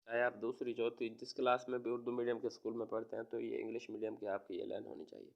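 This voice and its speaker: A man from Pakistan, a teacher giving a recorded lesson to young children, slowly spelling out words and repeating them. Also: mid-range voice, level tone, creaky, dull audio. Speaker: online school teacher.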